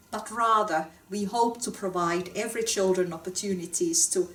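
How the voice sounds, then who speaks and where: A woman speaks as a professor, unhurried and deliberate in a prepared talk. Her voice sits back from the microphone. The room gives it a noticeable echo. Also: medium pitch, far from the mic. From Finland. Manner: slow, measured delivery. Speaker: professor of education. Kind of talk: scripted presentation. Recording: roomy, set back from the mic.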